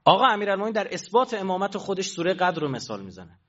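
A male preacher delivering a storytelling sermon, emphatic, swinging between hushed and raised delivery. His voice sits fairly high, and the recording sounds dull and lo-fi. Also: sing-song.

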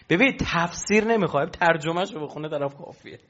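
A man's voice: a little high, a bit bright, lo-fi sound. A man preaching a religious sermon, emphatic and full of rhetorical questions to his listeners.

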